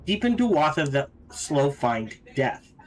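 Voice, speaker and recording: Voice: mid-range voice, very animated, measured pace, a little hiss or hum, voice pushed down. A game streamer voicing an anxious little fairy guide in urgent, sing-song rhyming chatter. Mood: anxious urgency.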